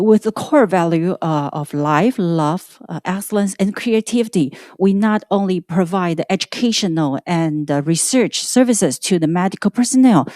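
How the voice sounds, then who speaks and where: A woman speaking through a face mask gives a halting prepared presentation as a hospital representative, with frequent stumbles and self-corrections. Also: fairly low pitch, dark tone, no room sound, clean studio sound. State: sick.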